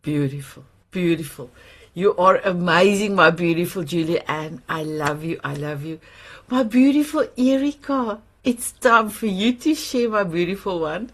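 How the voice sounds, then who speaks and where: A woman's voice: on the low side, animated, a little slow. A woman hosting a live show, effusive and affectionate toward her guests. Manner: effusive, calling guests beautiful. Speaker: host.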